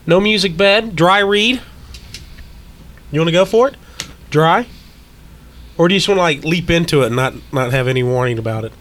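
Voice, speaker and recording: A man's voice: on the high side, moderate pace, pauses often, a bit bright. A man co-hosting a late-night radio talk show, laid back and slangy in casual banter.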